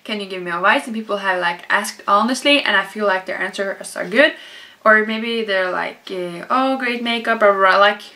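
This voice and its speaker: A woman's voice: medium pitch, moderate pace, sharp tone. A young Norwegian woman with a Norwegian accent, answering viewer questions in a chatty, rambling vlog full of fillers and restarts. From Norway. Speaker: YouTuber. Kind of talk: casual vlog Q&A.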